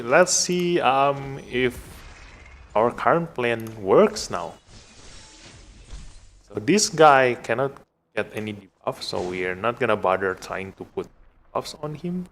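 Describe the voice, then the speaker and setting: An Indonesian man streams a game live, offering casual commentary with an Indonesian accent. He thinks aloud haltingly in a medium-pitched voice.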